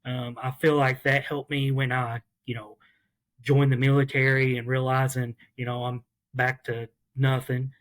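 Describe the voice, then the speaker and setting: A man, an assistant coach talking earnestly in a casual interview, pausing often with fillers. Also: medium pitch, level tone. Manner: earnest, halting with many fillers.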